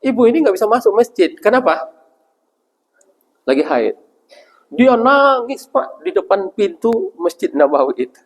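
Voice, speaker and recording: A man's voice: sits high, sing-song, unhurried, long pauses. A male ustaz giving a religious lecture to a congregation, putting questions to the listeners and answering them himself. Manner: addresses listeners as Pak. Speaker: ustaz preacher. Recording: long hall reverb.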